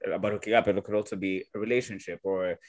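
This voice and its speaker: A man's voice: low voice, fairly even intonation, fast, a little mellow. Reflective man in casual chat. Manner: reflective, speaks in restarts and asides.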